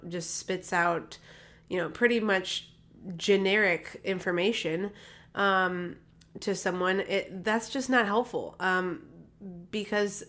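This host's voice is fairly low in pitch and a bit bright, with a slight nasal quality from a recent cold. A holistic health practitioner, she runs her own podcast and talks casually on her own, rambling chattily with plenty of fillers and restarts. A podcast microphone captures her.

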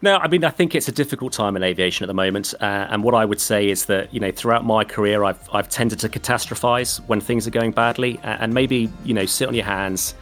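Fast-talking low-voiced British man. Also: a bit bright, soft background music. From Britain. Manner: anecdotal storyteller, earnest. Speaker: guest, military pilot. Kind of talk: casual interview chat.

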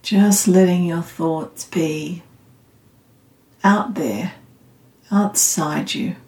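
A woman guiding a meditation in a calm, meditative, soothing tone, unhurried and leaving long pauses. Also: on the low side. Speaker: meditation guide. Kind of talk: guided loving-kindness meditation. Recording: roomy, slightly echoing sound.

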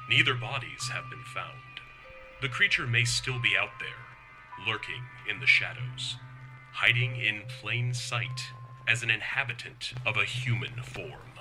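Guy doing spooky old-time sci-fi horror narrator, low voice, dramatic and ominous, music behind. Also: lively intonation, unhurried, bright, forceful tone, full character voice, poor audio. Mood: ominous, foreboding. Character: ominous male narrator of retro eerie tales.

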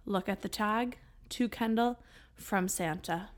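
A woman's voice: mid-range voice, slow. A woman in her twenties from New York, co-hosting a podcast and telling a funny story with lots of laughter and casual swearing. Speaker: podcast co-host.

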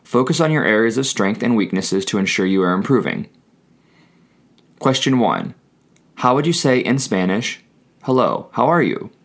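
A man hosting a scripted language lesson, switching between English and Spanish in a measured way, with prompts and repeated phrases. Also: lowish voice, very animated.

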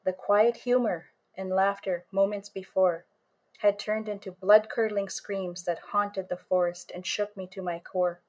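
A woman author and storyteller reading a first-person story in a measured way, lingering on images. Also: mid-range voice, fairly even intonation, a little mellow.

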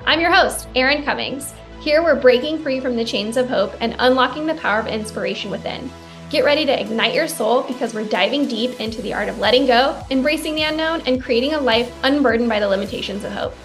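High-voiced woman reading an upbeat intro. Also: brisk. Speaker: podcast host. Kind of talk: scripted show intro. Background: faint music.

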